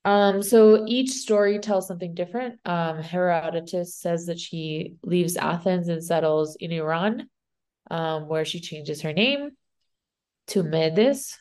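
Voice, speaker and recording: A woman's voice: lowish voice, a little slow, a little mellow. A woman with a Spanish accent casually retelling an old myth in a rambling, unsure way, full of "like" and restarts.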